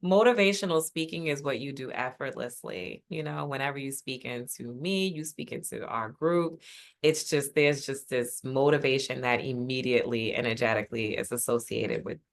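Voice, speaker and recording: A woman's voice: very deep voice, normal speed, vocal fry. A woman leading a writing group over a video call, effusive and affirming, often calling people sis. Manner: frequent murmured mm-hmms while listening. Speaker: writing course facilitator.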